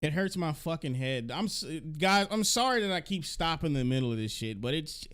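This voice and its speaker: A man's voice: fairly high pitch, animated, brisk, a bit bright, clean tone. A man hosting a live stream, talking casually with a co-host, profane and exasperated, often restarting his sentences.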